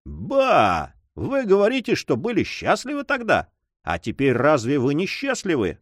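A man voicing a burly, hot-tempered buccaneer in his forties who talks roughly and impatiently in a storybook reading. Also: on the high side, wildly swooping pitch, measured pace, no room sound, clean studio sound, exaggerated voice. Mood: eager.

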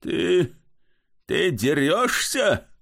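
A man's voice: fairly high pitch, sing-song, drawn-out words, gravelly, fairly bright tone, pitched above the performer's own voice, exaggerated voice. A man voicing a drunken, bewildered comic actor in a storybook reading, stammering in confusion. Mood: stunned.

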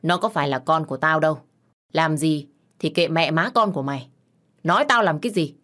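A woman voicing a drunken, abusive middle-aged father who shouts and curses with contempt. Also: sits low, fairly quick. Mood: furious contempt.

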